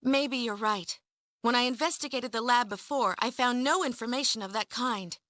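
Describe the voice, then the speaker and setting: A woman's voice: fairly high pitch, moderate pace, fairly bright tone, dry recording, studio quality, natural voice. A woman playing a cool, serious young heroine in a video game, composed and matter-of-fact. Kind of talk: dramatic video game voice acting.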